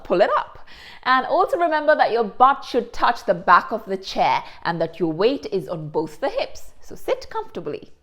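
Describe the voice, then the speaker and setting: A woman hosting a lesson and explaining things clearly, with the odd aside in Hindi. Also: a little high. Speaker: host. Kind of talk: instructional presentation.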